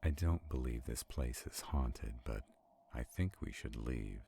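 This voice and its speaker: In a roleplay audio drama, a man plays an arrogant, protective vampire centuries old, haughty and brooding, with an exaggerated, gravelly, husky voice of extremely low pitch. He is expressive and unhurried with a warm tone and a little hiss or hum, sounding uneasy and wary.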